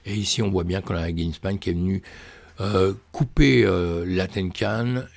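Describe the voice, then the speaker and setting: A man with a deep, gravelly voice talks viewers through market charts in a loose, chatty way. He thinks out loud, fills gaps with small asides and hesitations, and calls his listeners friends. His voice sounds worn and on the edge of cracking. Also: normal speed. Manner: tosses in "hein" and "mes amis", thinks aloud with many fillers. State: voice cracking, coughing. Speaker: crypto trading channel host. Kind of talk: casual chart analysis walkthrough.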